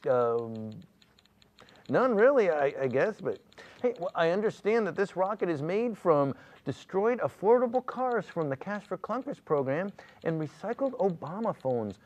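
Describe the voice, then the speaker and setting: Man playing a flustered parody news anchor, lively pitch. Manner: halting, stammering, hesitant. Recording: slightly dull, lo-fi audio.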